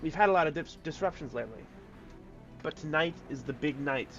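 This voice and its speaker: A man's voice: on the high side, a little fast, lo-fi sound, faint music behind, natural voice. A man voicing a sinister gaunt male captain, cold and menacing.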